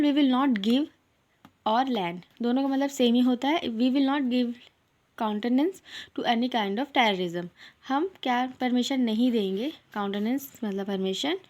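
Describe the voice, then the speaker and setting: A young woman teaching English vocabulary in an online lesson. She mixes English words into her explanations and reads example sentences slowly. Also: fairly high pitch. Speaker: English teacher for exam aspirants.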